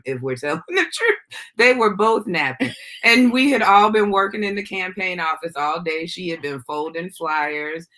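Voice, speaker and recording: A woman presenter narrating family photos in an animated, storytelling manner. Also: low voice. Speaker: workshop presenter, family caregiver.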